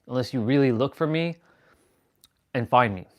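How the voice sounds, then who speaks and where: A man's voice: mid-range voice, normal speed. A man hosting a live stream, talking in a rambling, self-assured spiritual monologue and restarting sentences as he goes.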